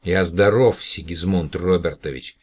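A man's voice: low voice, a little slow, darkish tone. A man voicing a young graduate student who is stubborn and earnest in an audiobook. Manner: earnest, defiant.

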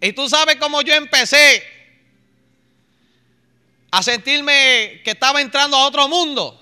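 A man's voice: very high-pitched, a little slow, sharp tone. A man preaching a fervent, emotional testimony in a pleading manner. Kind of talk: sermon testimony.

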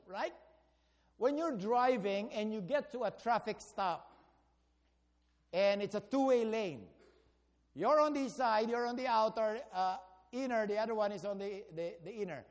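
A male pastor delivers a sermon in a very high voice, talking to the congregation like a conversation and tossing out rhetorical questions as he goes. The sound carries a long reverb from the church hall around him. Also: measured pace.

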